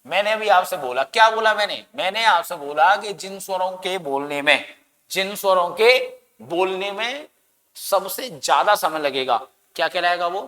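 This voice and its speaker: This exam-prep grammar teacher is a man with a high, sharp-toned voice, lively intonation and a moderate pace. He poses questions to students, supplies the answers himself and elongates words for dramatic emphasis, all heard through long echoing reverb.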